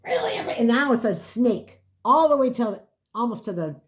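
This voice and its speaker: A woman's voice: on the high side, normal speed. An older woman telling a story in casual chat, acting out what people said. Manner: animated storyteller, acts out quotes.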